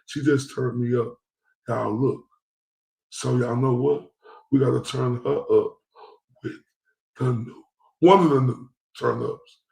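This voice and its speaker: A man's voice: mid-range voice, steady tone, slow, vocal fry, long pauses, darkish tone. A man from Dallas, ranting bluntly and profanely as a commentary host. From Dallas, Texas. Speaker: YouTube commentator. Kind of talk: livestream rant. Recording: roomy echoey recording.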